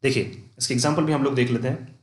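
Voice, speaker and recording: A male teacher giving an English vocabulary lesson, repeating points and slowing down to dictate example sentences. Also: medium pitch, echoey room. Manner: repeats points with "theek hai" checks, slows to dictate examples. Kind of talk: classroom-style lesson.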